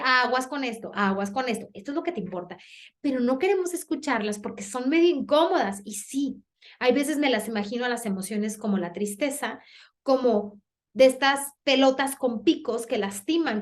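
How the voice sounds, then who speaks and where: A middle-aged woman speaks from a stage at a parenting conference. Her voice sits a little high, and she keeps it lively. She acts out short back-and-forth dialogues in different voices. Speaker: speaker giving a parenting talk. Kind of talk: conference talk.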